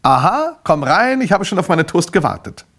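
A man playing a picky, chatty grown man with a lifted, fussy tone. Husky grain under a lively storybook delivery. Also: high-pitched, moderate pace, pitched above the performer's own voice, full character voice.

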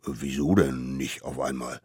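A man voicing a slow, forgetful, gentle big mammoth with a low, drawling way of talking. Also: fairly even intonation, husky, no echo, clean studio sound, heavily acted. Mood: dozy.

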